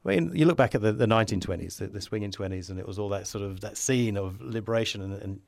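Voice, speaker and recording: Male podcast guest, lowish voice, upbeat rambling thinker, casual interview delivery, very dry recording. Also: fast, vocal fry, darkish tone, no echo. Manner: enthusiastic, rambling, optimistic musing. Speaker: podcast guest, advertising creative.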